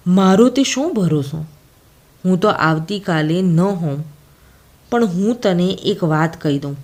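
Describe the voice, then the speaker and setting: A woman's voice: fairly low pitch, animated, unhurried, a little mellow. A woman voicing a hunted young man, a fugitive son, who speaks in a choked, tearful, urgent way in an audiobook story. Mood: remorseful urgent.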